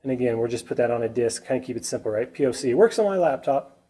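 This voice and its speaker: A man's voice: mid-range voice, expressive, fast talker, warm tone. A man presenting at a tech meetup, his voice stuffy and nasal from a sinus cold. He talks through a whiteboard sketch in a loose, chatty way and keeps checking in with the room. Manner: chatty, keeps asking the audience "right?". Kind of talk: casual whiteboard tech talk.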